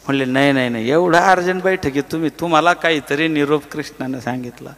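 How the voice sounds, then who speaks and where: This preacher has a voice on the high side and talks fast, his sound filling a big room. He tells a devotional kirtan story with lively energy, playing the characters' voices himself and launching into sung verses along the way.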